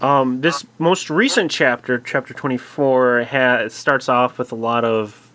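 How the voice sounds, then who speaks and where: A man hosting a casual interview, easygoing and quick to laugh, asking loose, wandering questions. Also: medium pitch, steady tone, bright, forceful tone. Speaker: podcast host.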